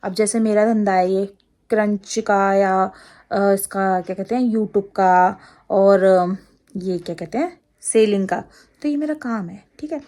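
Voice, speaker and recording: A woman's voice: mid-range voice, a little slow, warm tone. A woman with an Agra-region Hindi accent, chatting casually to camera in a rambling, laughing way. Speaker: vlogger.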